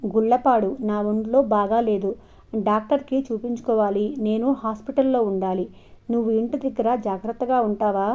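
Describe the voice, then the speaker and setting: A woman reading the part of a grieving young mother in a storybook, speaking softly and haltingly. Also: on the high side, close to an everyday voice. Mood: sad. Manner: soft, halting. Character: grieving young mother, tearful and soft-spoken. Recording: dull lo-fi recording.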